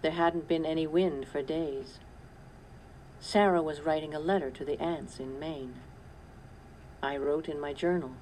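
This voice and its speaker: A woman reading a children's story aloud in a measured first-person narration. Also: sits low, steady tone, a little mellow, a little hiss or hum. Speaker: audiobook narrator.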